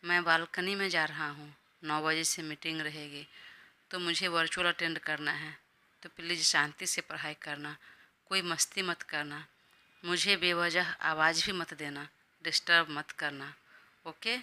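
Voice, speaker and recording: A woman's voice: low-pitched, steady tone, a little slow, sharp tone, heavily acted. A woman voicing a caring young husband. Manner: tender, bossy in a caring way. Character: caring young husband, gentle but firm.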